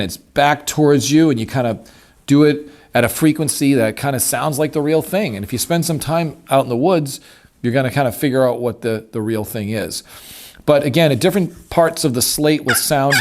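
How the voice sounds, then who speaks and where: A man's voice: mid-range voice, moderate pace. A man explaining a hands-on technique in an informal, folksy way, like an easygoing instructor. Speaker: hunting instructor demonstrating a turkey call. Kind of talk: casual hands-on tutorial. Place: at a wooden table. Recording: clear background noise, clicking of call.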